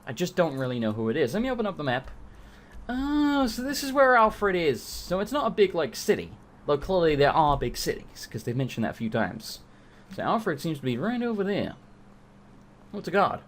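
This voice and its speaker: Animated, higher-pitched man doing gaming commentary. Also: normal speed. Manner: informal, sweary, joking. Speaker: let's play host.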